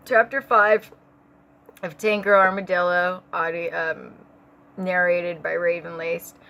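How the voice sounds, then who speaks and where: A woman's voice: lowish voice, little pitch movement, a little slow, gravelly, fairly bright tone. Stumbling, sick woman reading a story aloud. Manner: rambling asides, stumbling over words, swearing. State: sick and stoned. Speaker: audiobook reader. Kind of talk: casual amateur audiobook narration.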